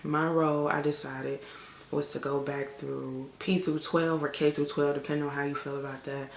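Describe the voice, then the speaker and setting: A woman's voice: deep voice, level tone, normal speed, creaky, slight background noise. A woman in her twenties from Chicago, talking candidly to the camera in a casual vlog, full of "like" and "um". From Chicago, United States. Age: 20s. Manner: chatty, candid, lots of "like" and "um". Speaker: vlogger and college lecturer. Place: room on a family vacation. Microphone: camera in front of her. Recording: echoey room.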